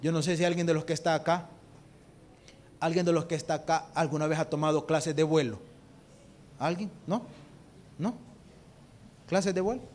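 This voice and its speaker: A man's voice: fairly high pitch, fairly even intonation, moderate pace, long pauses, darkish tone, a little hiss or hum. A man with a Salvadoran accent preaching a sermon, putting rhetorical questions to the congregation and using homely examples. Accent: Salvadoran Spanish. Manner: rhetorical questions to the congregation, calling them brother.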